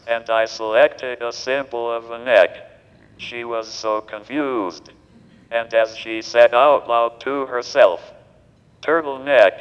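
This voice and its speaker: Slow digitized male computer voice. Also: mid-range voice, a bit bright, clear, resonant tone. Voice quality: synthetic, digitized text-to-speech voice. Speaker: panel speaker using a communication device. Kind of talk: pre-recorded prepared speech. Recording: reverberant hall playback.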